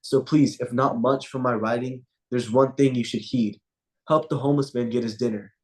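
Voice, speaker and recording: A young man, a student poet who grew up speaking Punjabi, recites his spoken-word poem with steady rhythm on a video call before chatting informally. He has a medium pitch, a steady tone and a somewhat mellow sound.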